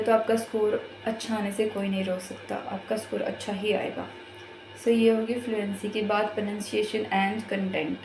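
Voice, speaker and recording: A woman with a fairly high voice talks through an exam prep lesson in a casual, explaining way. She goes over each point patiently and often repeats it. The room is echoey, with faint music underneath. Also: a little mellow. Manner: repetitive, patient step-by-step explaining.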